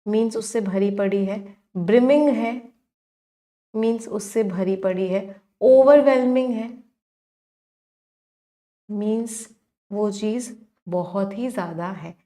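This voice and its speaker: A young woman teaches exam vocabulary in a steady voice of middle pitch. She keeps asking her class questions and answers each one herself. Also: slow pace, pauses often. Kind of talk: exam-prep vocabulary lesson.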